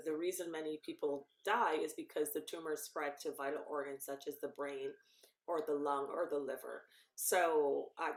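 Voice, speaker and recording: A woman in her fifties speaks in a low, deep register, laying out her research in long explanations. She catches and corrects herself along the way, and the room around her adds a clear echo. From Barbados. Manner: explains at length, self-correcting with ums. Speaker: professor and cancer researcher. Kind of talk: guest in a podcast interview. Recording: roomy echo.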